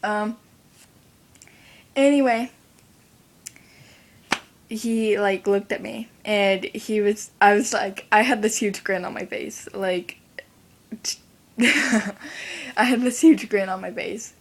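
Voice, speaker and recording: A teen girl on a handheld device rambles through a story in a casual vlog, sidetracked and full of fillers, almost in tears. She speaks slowly in a mid-range voice with frequent pauses.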